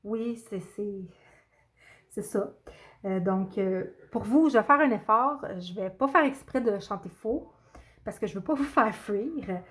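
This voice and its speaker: A woman's voice: medium pitch, animated, fairly bright tone. A woman, chatting casually and hesitantly with her viewers, often apologetic and poking fun at herself. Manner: hesitant, pauses often with fillers; self-deprecating and apologetic. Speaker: coloring channel host. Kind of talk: casual chat answering a video tag.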